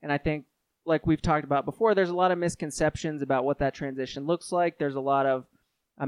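A man's voice: fairly high pitch, no room sound. Earnest male podcast host, dry close sound. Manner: earnest, thoughtful, with fillers and restarts. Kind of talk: conversational podcast intro and interview.

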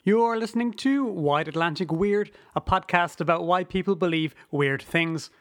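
A man's voice: sits high, moderate pace. An Irish man hosting a podcast as a casual solo monologue, recorded indoors in a wooden cabin. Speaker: podcast host.

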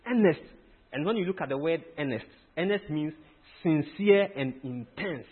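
A man's voice: fairly high pitch, animated, normal speed, slightly rough. A man preaching a teaching sermon, emphatic and quizzing his listeners with questions. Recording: tinny phone-like sound.

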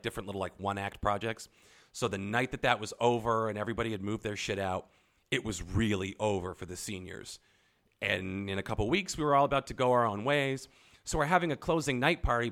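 Animated, swearing young male podcast co-host. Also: on the low side. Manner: animated storytelling, frequent swearing. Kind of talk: casual chat.

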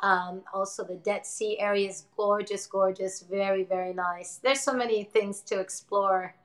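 An earnest woman in her forties from Jordan talks as a guest in a relaxed interview. She speaks reflectively and circles back on her words, often with soft laughter. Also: medium pitch, moderate pace, low-quality recording. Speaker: interview guest, energy-healing teacher. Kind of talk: casual interview conversation.

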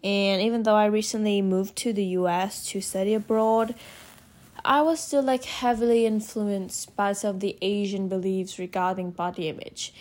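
A woman's voice: mid-range voice, steady tone, normal speed, a little mellow. A young woman from Vietnam with a Vietnamese accent, hosting her own podcast in a casual, rambling way, full of "like" fillers and restarts. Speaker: podcast host. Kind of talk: casual solo chat.

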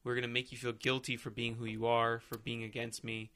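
A man's voice: mid-range voice, monotone, brisk, pushed and bright. A man in casual chat who talks bluntly, swears freely and makes sarcastic jokes.

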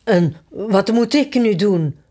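A woman's voice: mid-range voice, animated, slow pace, mellow. A woman reading a storybook aloud and voicing a jolly, easily amused king. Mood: cheerful. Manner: cheerful, amused. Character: jolly easygoing King Bobbel.

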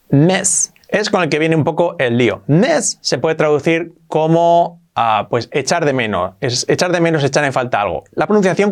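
A man with a Spain Spanish accent hosting an English lesson, energetic, repeating example phrases slowly and clearly. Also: a little high. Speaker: English teacher and host.

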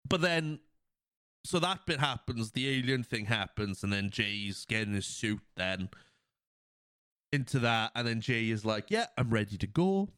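A man's voice: fairly low pitch, unhurried, clear, resonant tone, dry recording, clean studio sound. A man hosting a podcast, retelling a film scene by scene in casual chat while sniffling from a cold. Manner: animated storytelling, acts out quotes, laughs often. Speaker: podcast host. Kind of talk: casual movie recap chat.

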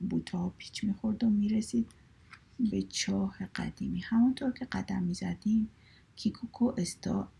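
A woman reading a story aloud in a soft whisper. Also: medium pitch, creaky, husky.

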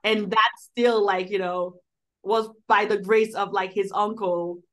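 With a medium pitch, a steady tone and a slightly bright sound, a woman speaks at a measured pace. As a podcast co-host she chats casually about a film, rambling, restarting and using lots of "like" and "you know."

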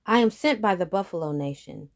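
A woman's voice: lowish voice, lively intonation, a little fast, creaky. A young female buffalo speaks her message plainly and firmly, voiced by a woman reading a storybook. She sounds confident she will be obeyed.

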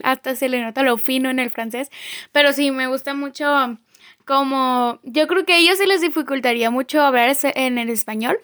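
High-voiced Mexican woman, relaxed chat. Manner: relaxed, searching for words, easy laughter. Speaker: podcast co-host. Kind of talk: casual podcast chat.

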